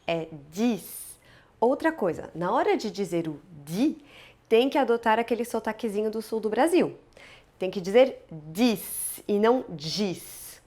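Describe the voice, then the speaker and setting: Brazilian female language teacher, playful, unhurried drilling, mid-pitched voice. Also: darkish tone. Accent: Brazilian Portuguese. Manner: upbeat, playful, slow deliberate drilling. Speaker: French teacher. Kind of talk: online language lesson.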